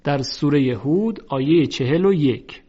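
A man teaching a lesson on Quran recitation, slowly drawing out example words to demonstrate pronunciation. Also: a little high, animated, dark tone, slightly rough. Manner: slow, drawn-out demonstration of words. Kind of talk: lesson on tajweed. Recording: dull lo-fi recording.

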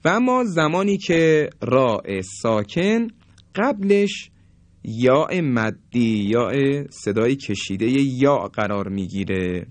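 Male recitation teacher, lively pitch, dry close sound, drawn-out demo words. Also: no room sound. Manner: slow drawn-out demonstration of words. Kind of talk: tajweed lesson, explaining and demonstrating.

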